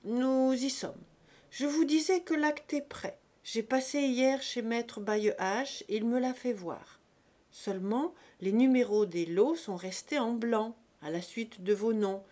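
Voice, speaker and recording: A woman voicing a drunk, stammering middle-aged male surveyor, slow and slurred. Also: a little high, mellow.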